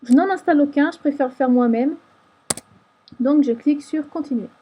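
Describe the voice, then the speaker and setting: Woman doing a screen tutorial, high breathy voice, calm step by step, muffled mic. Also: moderate pace, slight background noise. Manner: patient step-by-step explaining. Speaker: tutorial maker. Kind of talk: screen-recorded software tutorial.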